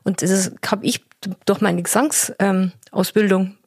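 A middle-aged woman with a Bavarian accent explains things calmly in a casual family podcast chat. Her voice carries a gravelly fry and a husky roughness. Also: medium pitch, measured pace. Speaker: podcast co-host, mother.

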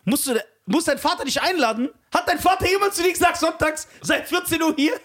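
A man's voice: extremely high pitch, animated, brisk, a bit bright. A man co-hosting a casual podcast, teasing his friend and laughing often in mock-defensive banter. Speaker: podcast co-host.

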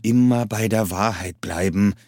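A man reading an audiobook with an expressive, dramatic delivery. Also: lowish voice, a little slow, soft background music. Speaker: audiobook reader.

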